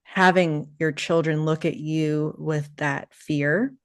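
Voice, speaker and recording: A woman's voice: deep voice, steady tone, takes it slowly, dry recording, clean studio sound. A woman podcast host asking earnest interview questions and restarting them as she goes.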